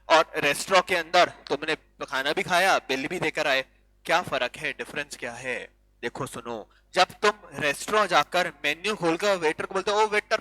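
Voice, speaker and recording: A male law teacher with a high, very bright and cutting voice, recorded close and dry. He lectures with animation, firing off repeated rhetorical questions and sliding into English for the key terms. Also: no room sound, low-quality recording. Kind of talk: classroom lecture.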